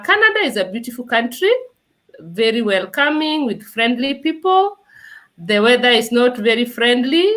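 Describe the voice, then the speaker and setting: A Kenyan woman in her thirties talks as a guest in an interview, friendly and easygoing, with plenty of "you know" fillers. Her voice sits a little high and rings bright and clear. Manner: chatty, many fillers, laughs easily. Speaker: guest, nurse and immigration adviser. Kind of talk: conversational interview.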